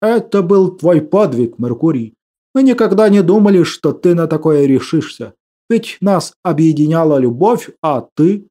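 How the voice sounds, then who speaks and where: Male narrator playing a calm old sage: measured, kindly, warm. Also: fairly high pitch, close to an everyday voice. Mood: solemn.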